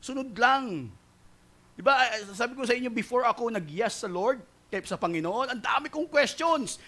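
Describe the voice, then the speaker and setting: A male pastor preaching a sermon, mixing Tagalog with English and often asking the congregation "right?" as he swings between loud and soft delivery. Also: very high voice. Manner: mixes Tagalog and English, keeps asking the crowd "di ba?" and "tama?".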